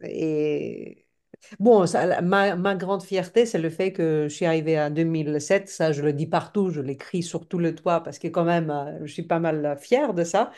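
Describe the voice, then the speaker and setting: A woman in her forties from Crete with a Greek accent, a podcast guest telling her story in lively casual chat, laughing often. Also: low voice, normal speed. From Crete, Greece. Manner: animated, laughs often, proud and emphatic.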